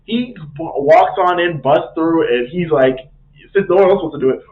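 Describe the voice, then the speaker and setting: A man's voice: fairly high pitch, sing-song, normal speed. A man reviewing a video game in a casual, rambling way. He uses slang and stops often to correct himself. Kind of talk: casual spoken game recap. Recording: tinny phone-like sound.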